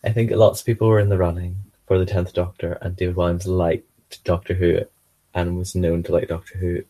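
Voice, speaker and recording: A man co-hosting a casual podcast chat, playful with quick gasping reactions and laughs. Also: low-pitched, flat delivery, dark tone. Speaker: podcast co-host.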